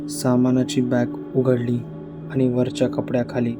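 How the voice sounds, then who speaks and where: A man narrating a scripted horror story in a measured, even storytelling voice. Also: mid-range voice. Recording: loud music bed. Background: loud eerie background music.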